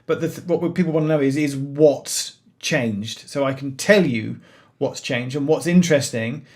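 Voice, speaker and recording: A man's voice: medium pitch, moderate pace, a little mellow. A man with a London accent hosting a casual livestream, rambling and laughing often. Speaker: railway YouTuber host.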